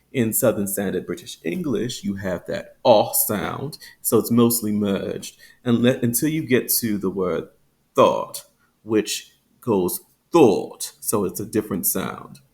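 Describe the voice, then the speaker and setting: Low gravelly man teaching phonetics. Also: darkish tone. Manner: explains with fillers, stretches out example words slowly. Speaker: accent teacher. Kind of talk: phonetics lesson.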